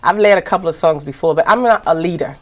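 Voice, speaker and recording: A woman's voice: on the low side, fast. A woman with a Southern US accent, a TV host and producer, chatting as a guest in an interview, rambling along with plenty of fillers. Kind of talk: casual interview chat.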